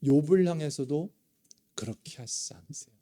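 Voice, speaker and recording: A man's voice: fairly high pitch, moderate pace, dark tone. A middle-aged male pastor delivering a sermon, acting out quoted prayers with mounting feeling. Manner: emotive, dramatizing quoted prayers with rising intensity.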